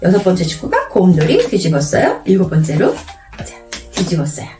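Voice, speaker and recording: A woman's voice: fairly low pitch, fairly quick. A woman teacher demonstrating a memory card game in a playful, classroom-style way. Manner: animated, playful teacher voice with exaggerated storytelling. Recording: roomy, a bit distant from the mic, faint music.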